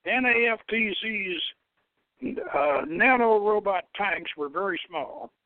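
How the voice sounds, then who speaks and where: A high-pitched man with lively intonation takes his time reading his own satirical sci-fi novel dramatically on air. He stumbles over words occasionally and corrects himself, and the recording is dry and lo-fi, like a phone on a radio line.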